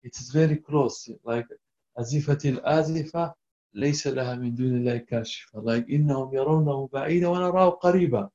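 A Quran tafsir teacher with a mellow, mid-range male voice teaches a class in a dull lo-fi recording, mixing English and Arabic. He recites verses, then asks students what words mean, speaking halting, non-native English with restarts.

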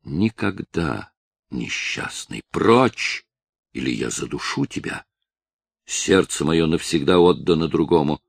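A man's voice: very deep voice, animated, takes it slowly, gravelly, no room sound, full character voice. A man voicing a grieving, proud young woman in a novel reading, speaking with defiance. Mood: defiant. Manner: pleading then defiant.

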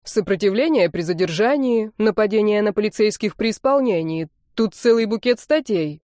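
A woman's voice: mid-range voice, expressive, normal speed, warm tone, no room sound, clean studio sound, close to an everyday voice. A woman reader voicing a stern, matter-of-fact male police officer in an audiobook.

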